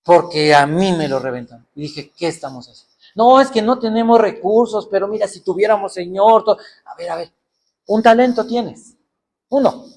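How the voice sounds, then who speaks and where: A man's voice: high voice, expressive, moderate pace, darkish tone. A middle-aged man preaching a sermon, firing off rhetorical questions and acting out people's excuses. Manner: rhetorical questions, acts out excuses in other voices.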